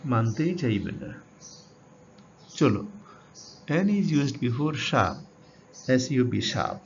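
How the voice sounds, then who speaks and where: A man teaching English grammar to students. He draws out the English example words slowly and asks the class questions. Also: mid-range voice, darkish tone. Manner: addresses students directly, asking questions. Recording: dull lo-fi sound with faint hiss.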